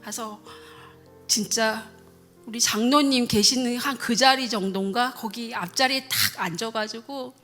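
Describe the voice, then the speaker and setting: A middle-aged woman, a church deaconess, telling her testimony in a church with lively, emphatic storytelling. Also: on the high side, a little slow, soft background music. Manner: animated storytelling, full of emphatic sound words. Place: church sanctuary.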